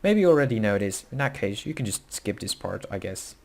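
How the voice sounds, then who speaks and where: A young man from the Netherlands, speaking English as a second language with a Dutch accent, hosts a screen-recorded coding tutorial. His voice is fairly low, gravelly and a little mellow, very animated and brisk, while his casual, hesitant delivery is full of fillers and self-corrections.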